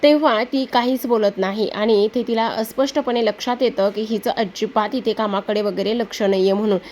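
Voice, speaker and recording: A woman retelling a TV serial episode scene by scene, reading out each character's lines in the same steady voice. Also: fairly high pitch, normal speed, a little hiss or hum. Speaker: serial recap narrator.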